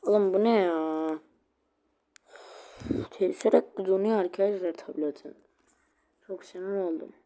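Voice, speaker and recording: A male gaming creator giving casual commentary over his match, chatty and quick to get annoyed when the game freezes. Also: high voice, dark tone. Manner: chatty, easily annoyed, swears at lag; repeats a sing-song catchphrase.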